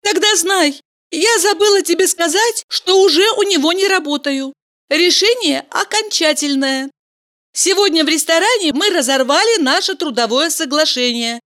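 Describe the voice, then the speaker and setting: A bright, teasing young heroine, voiced by a woman reading a storybook sounds very high and lively. She talks in quick exclamations, swinging up and down all over her range. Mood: bubbly. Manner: bubbly, chirpy and exclamatory.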